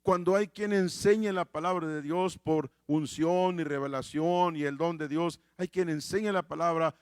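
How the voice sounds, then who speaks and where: A man's voice: on the high side, fairly even intonation, moderate pace, a little mellow, clean tone, no room sound, studio quality. A man preaching a sermon, repeating key phrases for emphasis and often restarting words.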